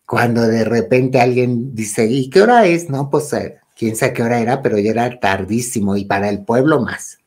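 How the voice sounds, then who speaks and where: A man's voice: mid-range voice, steady tone, moderate pace, hardly any pauses, darkish tone, slightly rough. A man with a Mexican accent telling a ghost story casually and animatedly, dropping to a whisper at the spooky parts. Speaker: guest storyteller.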